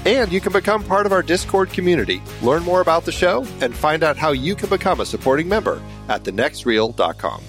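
A man's voice: fairly high pitch, sing-song, fairly quick, few pauses, fairly bright tone. A man reading scripted narration as a podcast host. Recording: faint music bed.

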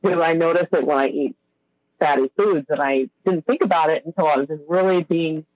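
A man calling in to a radio show, heard over the phone, rambling and halting with many fillers. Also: fairly high pitch, no room sound. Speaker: caller. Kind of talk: call-in radio chat. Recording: muffled phone-line call.

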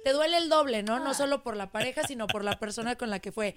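A woman with a Mexican accent, co-hosting a casual comedy podcast and telling stories with lively exclamations. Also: fairly high pitch, fast talker, background noise. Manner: animated storyteller, exclaims often. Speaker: podcast co-host.

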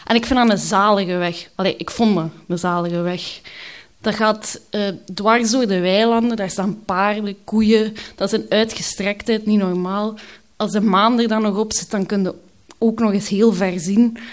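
A woman with a Flemish accent telling a personal story, candid and halting, with many pauses and hesitations. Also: mid-range voice, steady tone.

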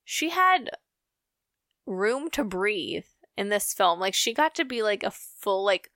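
A woman's voice: medium pitch, very animated, slow pace, sharp tone, no room sound, clean studio sound. A woman in her thirties co-hosting a podcast, chatting casually and rambling with fillers. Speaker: podcast co-host. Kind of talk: casual chat.

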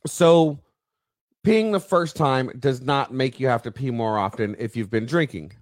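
A man co-hosting a podcast, explaining a news story at length in a loose, rambling way with many pauses. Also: medium pitch, no echo, clean studio sound. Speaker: podcast co-host. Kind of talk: casual chat.

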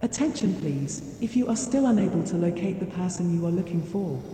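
A woman playing a wistful train station announcer who calmly and formally repeats her instructions. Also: on the low side, brisk, close to an everyday voice. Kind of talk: public address announcement. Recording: echoey station hall, vehicle noise.

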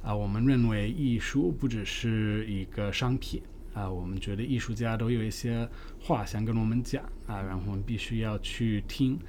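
Low-voiced foreign man, Beijing-accented Mandarin. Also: moderate pace, a little mellow, a little hiss or hum. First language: not Chinese, a foreigner speaking Mandarin. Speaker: guest, art fair co-director. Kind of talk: interview answers, explaining.

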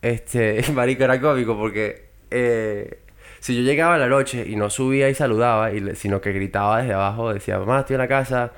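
Fast-talking young Venezuelan man. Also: medium pitch, smooth. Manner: quick, teasing banter. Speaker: podcast co-host. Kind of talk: casual chat.

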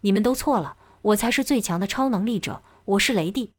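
A woman's voice: mid-range voice, expressive, fairly quick, no echo, clean studio sound, natural voice. A woman voicing a sneering, resentful young lightning wielder. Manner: sneering, defensive.

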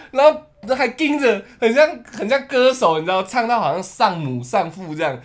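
A man tells a story with a lively voice that swings up and down. He swears freely and laughs as he goes, in a casual co-host chat. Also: very high-pitched, moderate pace. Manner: animated, swears often, laughs while telling. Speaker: podcast co-host.

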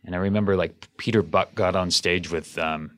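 Middle-aged male co-host, deadpan humor, low-ish voice with a bright edge. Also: normal speed. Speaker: podcast co-host. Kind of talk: comedic casual chat.

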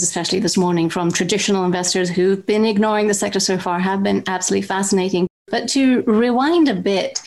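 A woman's voice: lowish voice, a little mellow. A woman from Zambia speaking earnestly as a crypto expert guest in a panel discussion.

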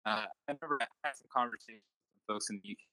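A man's voice: fairly low pitch, rapid-fire, sharp tone, no echo, rough recording. Man on a choppy, glitching call line. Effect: choppy, breaking-up online call audio with robotic glitches. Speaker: panelist. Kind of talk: casual group chat.

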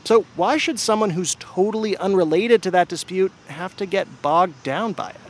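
A man's voice: sits high, moderate pace, husky. A man hosting a radio show, narrating a story in a scripted, storytelling way. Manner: lively, storytelling delivery.

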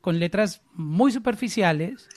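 A man's voice: sits high, expressive, measured pace, a little mellow, no room sound. A man from Colombia with a Colombian accent, hosting a podcast interview in an enthusiastic, casual way with frequent small restarts. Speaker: podcast host.

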